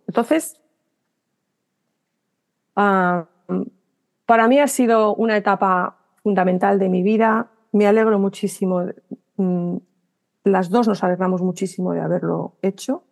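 A middle-aged woman from Spain with a Spanish accent, a writer and guest on a podcast interview, telling stories briskly and acting out remembered dialogue, often restarting her sentences. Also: medium pitch, gravelly. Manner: talks in quick bursts with restarts and self-corrections.

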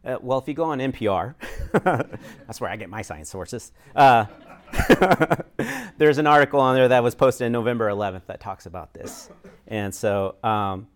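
A man from the United States speaks as a chaplain and pastor at a church discussion. He talks in a loose, conversational way, filling pauses with "uh" and "um" and laughing lightly now and then. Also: medium pitch, lively intonation.

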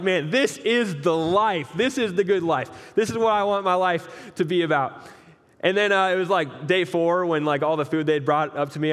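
A young male pastor giving a laid-back, jokey sermon in a church hall. His voice sits fairly high for a man, and it rings out with a long echo off the walls. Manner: relaxed, joking, talks straight to the audience. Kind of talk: casual conversational sermon.

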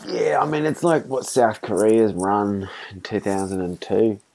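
A man with a dark, mellow voice and a gravelly edge, co-hosting a casual sports podcast. He throws in dry, quick quips between his co-host's thoughts. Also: on the low side, fairly even intonation, slight background noise. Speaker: podcast co-host.

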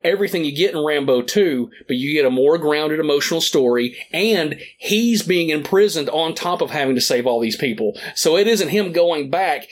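A man with a slightly high voice argues his movie pick on a casual podcast. He is enthusiastic and rambling, full of fillers and curses. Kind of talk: casual debate chat.

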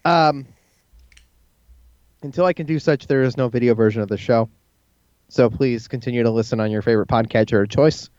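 Guy doing casual podcast chat, kinda halting, repeats himself, dry slightly dull audio. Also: medium pitch, darkish tone, no echo. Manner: halting, repeats words as he goes. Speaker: podcast host. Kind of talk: casual banter between co-hosts.

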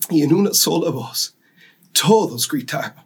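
Husky man telling a devotional story. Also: fairly high pitch, measured pace. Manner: animated storyteller acting out shouting crowds. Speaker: podcast co-host, pastor.

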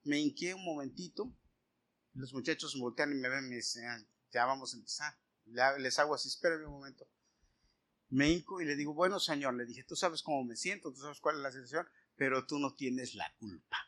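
Preacher guy, middle-aged, telling a story in a sermon, acts out what people said, bright voice. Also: mid-range voice, fairly quick. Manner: animated storytelling, acting out dialogue.

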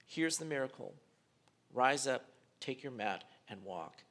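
A man's voice: medium pitch, expressive, measured pace, fairly bright tone. A man preaching a sermon as pastor, talking conversationally with fillers and restarts and dropping his voice to act out quoted speakers.

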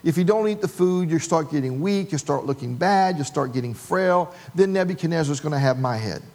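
Man preaching with a lively story. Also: on the high side, brisk. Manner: storytelling with quoted voices and humor. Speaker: pastor. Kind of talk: sermon.

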